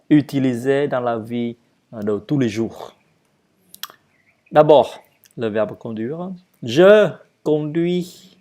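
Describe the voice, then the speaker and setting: Male language teacher, very slow, halting delivery with frequent fillers, mellow tone, drills verb forms one by one. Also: mid-range voice. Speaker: French teacher. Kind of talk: online language lesson.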